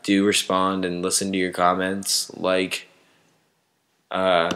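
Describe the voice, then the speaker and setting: Slow-talking man with a low voice. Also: monotone, fairly bright tone. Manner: halting, searching for words. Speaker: sports commentary vlogger. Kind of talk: casual unscripted sports commentary to viewers.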